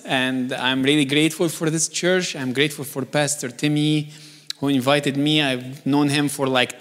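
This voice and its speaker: A man's voice: a little high, a bit bright. A man from Egypt, preaching a sermon as a guest, joking at times and building to emphatic, urgent calls. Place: church sanctuary. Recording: long church reverb.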